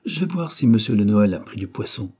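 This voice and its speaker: Man voicing young captive, audiobook, gentle, sorrowful, low husky voice. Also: lively intonation, fairly quick.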